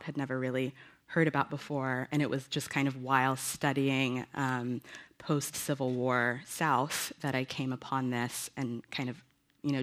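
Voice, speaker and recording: A woman from the United States, a novelist answering interview questions in a thoughtful, halting way with frequent fillers and restarts. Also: rumbling low. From United States (Alabama). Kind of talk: conversational author interview.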